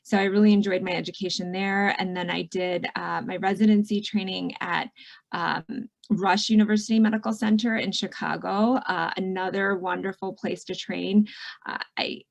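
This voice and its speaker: A woman's voice: medium pitch, fairly even intonation, normal speed, vocal fry. A middle-aged woman physician from Michigan giving a casual, friendly online presentation, talking over a video call with frequent ums and you-knows. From Michigan, USA. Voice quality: warm, chatty, many fillers. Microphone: video call mic.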